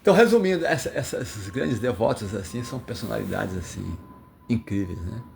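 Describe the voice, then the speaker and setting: Gravelly Brazilian man telling scripture stories. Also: fairly low pitch, lively intonation, a little fast, darkish tone, faint music behind. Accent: Brazilian Portuguese. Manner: storytelling with acted quotes, many fillers and restarts. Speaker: religious teacher. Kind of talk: scripture reading commentary.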